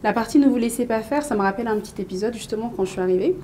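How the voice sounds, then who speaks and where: Guest, thirties woman from Mali; loose conversational delivery, stops and restarts, warms into storytelling. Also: fairly high pitch, very fast, slight background noise. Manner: hesitant, many fillers and restarts, lively storytelling. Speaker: interview guest, business coach. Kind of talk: casual conversational interview.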